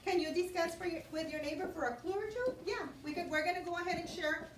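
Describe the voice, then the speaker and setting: A woman with a very high voice teaches a class of young children. She prompts them with questions and repeated instructions. The recording is distant and roomy, with clear noise around her. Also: fast. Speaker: elementary school teacher. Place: indoor school classroom.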